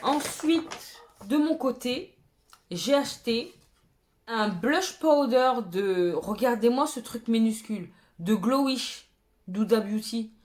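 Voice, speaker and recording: A female beauty vlogger chats through a haul, expressive and talkative, exclaiming as she shows off what she bought. Her voice is slightly high and her pace slow.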